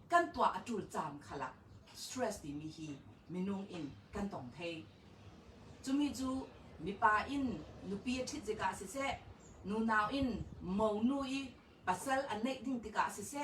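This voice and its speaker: A woman counselor giving a calm informational talk in a slow, measured, reassuring way. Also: mid-range voice. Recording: roomy, distant mic, faint background noise.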